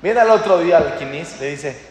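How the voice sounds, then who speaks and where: Lively man teaching in an echoey hall. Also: fairly high pitch, fairly quick. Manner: animated, acts out little dialogues and asks rhetorical questions. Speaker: religious teacher. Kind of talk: religious talk to an audience. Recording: very echoey hall with long reverb.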